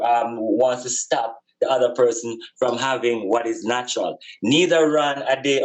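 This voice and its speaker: On a low-quality recording, a mid-range male voice belongs to a podcast guest discussing spirituality and community. His talk about life is casual and reflective yet earnest and emphatic, with phrases repeated for emphasis.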